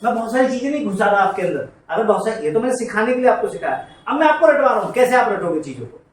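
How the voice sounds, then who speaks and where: In a classroom lecture on accounting, a man with a high, sing-song voice talks very fast. He has students repeat entries back and chides them in a coaxing, familiar manner. It's recorded from a distance in an echoey room with faint noise.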